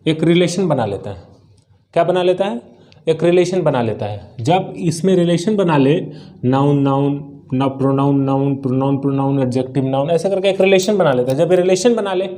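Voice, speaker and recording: Indian accent वाला एक पुरुष अंग्रेज़ी शिक्षक, जो हिंदी में अंग्रेज़ी पढ़ाता है, बार-बार सवाल पूछकर ख़ुद जवाब देता है और मुख्य शब्द दोहराता है।. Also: male voice, on the high side, dark tone. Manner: asks questions and answers them himself, repeats key words. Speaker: English teacher. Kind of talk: spoken English lesson in Hindi.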